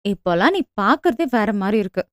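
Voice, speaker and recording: A woman voicing a shy, lovestruck young village woman in a storybook romance, speaking softly with a sweet, whining tone. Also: mid-range voice, expressive, brisk, no echo, studio quality, pitched below the performer's own voice, lightly acted.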